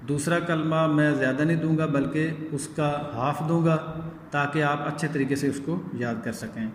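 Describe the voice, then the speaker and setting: A man's voice: a little high, fairly even intonation. Patient man teaching in an echoey room. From Pakistan. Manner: patient, repeats checks, draws out letter sounds in chanted recitation. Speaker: Quran reading teacher. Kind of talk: recorded lesson for young children. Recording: echoey room with long reverb, faint hiss.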